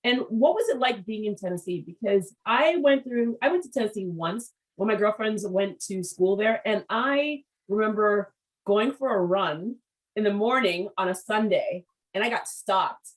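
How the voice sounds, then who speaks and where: A woman hosting a casual business interview, telling stories with lively acted-out quotes. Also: mid-range voice, normal speed, low-quality recording. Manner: animated storyteller, acts out quotes. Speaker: podcast host.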